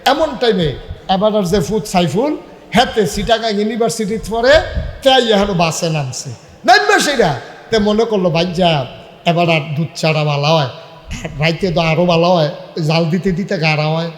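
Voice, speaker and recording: Male preacher, high voice, loud and emphatic with call-and-response to the audience; echoey room with long reverb. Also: fairly quick. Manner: calls and answers with the audience. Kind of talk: sermon.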